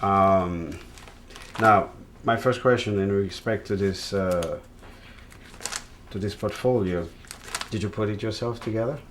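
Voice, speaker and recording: Hosting a TV interview show and delivering promo announcements, a man speaks in formal, long-winded phrasing. His lowish voice is unhurried, with long pauses and a faint hiss or hum on the recording.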